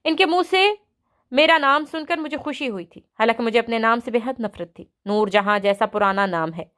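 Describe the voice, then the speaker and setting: A woman narrating a novel aloud in a steady storytelling manner. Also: fairly high pitch, smooth.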